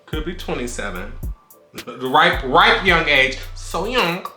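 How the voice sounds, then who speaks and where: A man's voice: a little high, big pitch swings, slow, bright, forceful tone. A man in his thirties, a YouTube co-host chatting casually in a sassy, playful, dramatic way. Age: 30s. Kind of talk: casual chat. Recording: echoey room with faint music.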